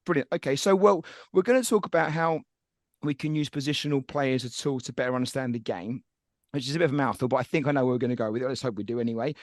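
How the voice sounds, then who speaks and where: A man's voice: medium pitch, fast talker, dry recording, clean studio sound. A man hosting a podcast, chatting loosely with a guest and rambling as he frames his questions. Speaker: podcast host. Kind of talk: casual podcast interview.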